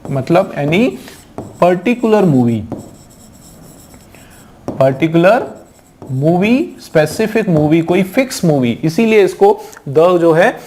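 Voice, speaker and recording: A fairly high-pitched, slightly mellow male voice from India leads an exam-prep class on English grammar. He explains things patiently, keeps asking his students questions, and takes the English examples slowly when reading them aloud.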